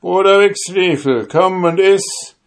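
A man voicing a bold, hungry soldier in a fairy tale, loud and boisterous. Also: high-pitched, slow pace, pitched above the performer's own voice. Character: bold hungry male soldier, cheeky and fearless.

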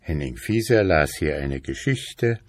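A man reading a children's story aloud, taking his time over every sentence. His narration is expressive, and his pitch rises and falls in lively swings. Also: measured pace. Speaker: story reader.

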